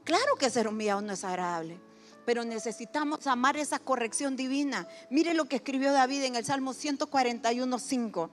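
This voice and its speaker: A woman preaching a sermon, animated, swinging from loud emphasis to hushed asides and acting out people's words in quoted voices. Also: high-pitched, fairly quick, soft background music. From Honduras.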